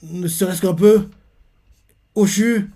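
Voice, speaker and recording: Man voicing a polite young charmer, feigned shy, mellow tone. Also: high voice, steady tone, slow, pitched above the performer's own voice. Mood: courteous.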